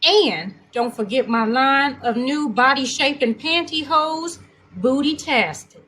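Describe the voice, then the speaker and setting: Sassy, self-promoting businesswoman guest, played by a woman in sketch comedy: forceful, high, slangy delivery. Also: slow pace, slight background noise, full character voice. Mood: sassy, boastful. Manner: slangy, brash, upbeat. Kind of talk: comedic character interview.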